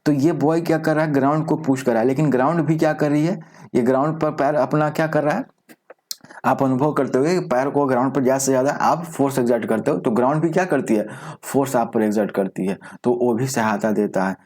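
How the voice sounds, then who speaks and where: A man teaching a school science class online, often asking rhetorical questions and mixing in English terms, reading definitions out slowly. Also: medium pitch, a little mellow. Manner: explains with frequent rhetorical questions. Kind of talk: recorded online class lecture.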